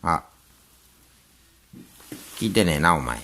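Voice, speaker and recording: A middle-aged man with a Kansai accent, talking to and scolding his pet dog in a casual, drawn-out way. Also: low voice, sing-song, slight background noise. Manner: slow, drawn-out scolding of a pet, half soft, half raised. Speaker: dog owner.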